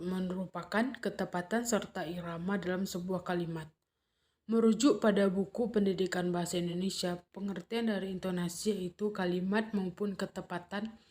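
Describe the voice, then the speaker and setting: A young woman explaining a language lesson in a steady, methodical way, partly reading from notes and sometimes slipping and restarting. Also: lowish voice. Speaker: teacher presenting a lesson.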